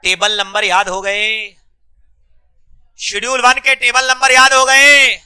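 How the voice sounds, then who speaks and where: A male teacher with a very high, sharply bright voice runs a classroom lecture. He fires quick repeated questions at his students and slips English terms into his Hindi. His tone is clear and resonant. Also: little pitch movement. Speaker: commerce law teacher.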